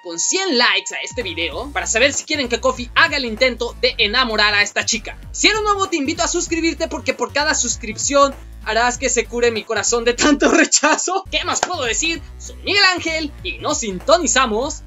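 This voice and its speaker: A man commentating a video game, thinking aloud and bursting into excited outcries. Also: very high voice, a little fast, few pauses, faint music behind. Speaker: gameplay commentator. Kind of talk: let's play commentary.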